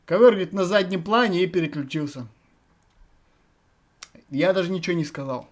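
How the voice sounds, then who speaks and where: Talking a little fast in a high-sitting voice, this man from Russia records a vlog from random video chats. He muses aloud to viewers, rambling and hesitating with plenty of fillers.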